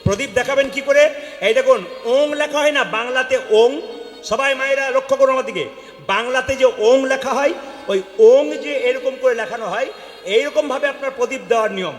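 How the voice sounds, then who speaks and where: A kirtan preacher with a Bengali accent and an extremely high voice gives a devotional sermon at a moderate pace to an audience in a hall. He questions the crowd and asks them to answer loudly, and the echoey hall adds long reverb.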